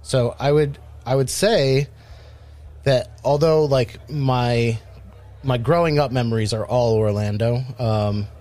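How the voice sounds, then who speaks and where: A man's voice: medium pitch, slow pace, a little mellow. Male podcast co-host from Rhode Island, mid-range voice, casual and rambling. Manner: rambling, many fillers and restarts. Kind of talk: casual chat.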